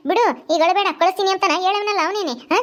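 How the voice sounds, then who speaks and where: A fussy older village mother-in-law, played by a woman, scolding and coaxing in a shrill high voice. She talks fast and hardly stops for breath. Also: fairly even intonation.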